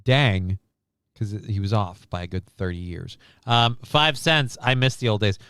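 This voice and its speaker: Male co-host, rambling and profane, smooth clear voice, dry close mic. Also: on the low side, unhurried, fairly bright tone, dry recording. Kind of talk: casual chat.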